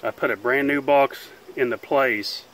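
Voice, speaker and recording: Casually narrating as he films, a plain-spoken beekeeper and channel host stands outdoors in a chicken pen while bees buzz faintly. He talks slowly with folksy grammar. His medium-pitched voice is a bit bright, and the audio quality is poor.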